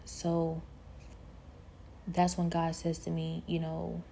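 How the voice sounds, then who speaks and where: A woman's voice: low voice, monotone, slow, gravelly, warm tone, slight background noise. Earnest woman sharing a faith testimony. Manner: earnest, repetitive fillers like "like" and "you know"; emotional, reflective storytelling.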